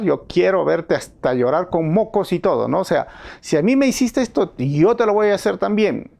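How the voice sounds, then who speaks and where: A man with a Peruvian Spanish accent preaching a sermon as pastor, earnest and swinging between hushed and emphatic lines. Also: on the high side, vocal fry.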